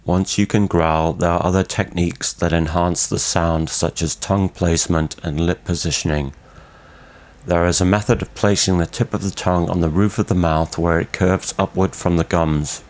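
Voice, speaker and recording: A man narrating a scripted vocal tutorial in a formal, measured, explanatory way. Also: deep voice, fairly even intonation. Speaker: growling tutorial instructor.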